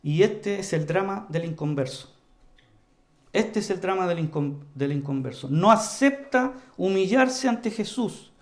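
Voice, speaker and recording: High-voiced man preaching a sermon. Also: animated, measured pace. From Chile. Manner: earnest, emphatic, often addresses the congregation as "hermanos"; varies volume widely, rising to loud emphasis and dropping low.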